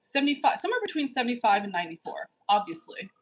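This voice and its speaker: A woman's voice: on the high side, sing-song, very fast, fairly bright tone, slight background noise, poor audio. A woman in her forties hosting a livestream, reading viewers' chat in a teasing, bossy way and scolding rude commenters. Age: 40s. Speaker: livestream host. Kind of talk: casual live chat reading.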